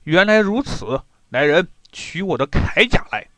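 A bold, high-voiced boy warrior who speaks with calm confidence and orders men about, as a man puts him on. The voice is lifted well above the storyteller's own and stays lively. It belongs to a storybook tale read aloud. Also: measured pace, no room sound, full character voice. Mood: bold, confident. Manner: confident, commanding.

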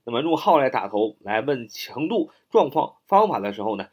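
A man teaching English sentence patterns in Chinese, repeating each example slowly and spelling words out letter by letter. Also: medium pitch, very animated, darkish tone. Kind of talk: explaining English grammar in Chinese.

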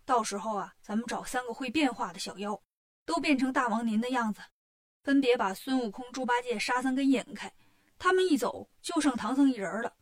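A woman's voice: a little high, expressive, a little fast. Woman narrator as a sly little demon henchman, coaxing and persuasive, for a storybook. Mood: scheming. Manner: wheedling, persuasive. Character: crafty little male demon minion.

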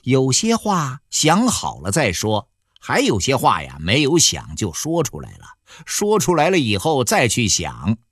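Slow, husky male audiobook storyteller. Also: medium pitch, huge pitch swings, dry recording, studio quality. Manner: folksy, with many drawn-out fillers. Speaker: narrator.

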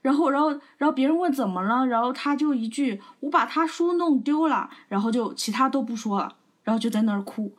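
A woman's voice: on the high side, quick pace, few pauses. A young adult woman co-hosting a podcast, telling a long anecdote in casual, rambling chat. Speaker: podcast co-host.

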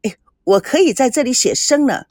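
A woman voicing a calm, cultured young woman artist who speaks appreciatively. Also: sits high, brisk, no echo, studio quality.

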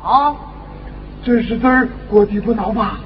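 A man's voice: sits high, measured pace, muffled recording, a little hiss or hum. An actor playing the father's sly, jovial old friend, chatty and teasing, in Henan opera stage acting. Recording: reverberant stage from a distance.

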